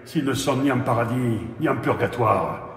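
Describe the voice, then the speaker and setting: A man's voice: mid-range voice, normal speed, a bit bright, slight background noise, close to an everyday voice. Male reader as a grave sighing angel, solemn record-keeper; storybook tale, hall reverb. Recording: echoey hall.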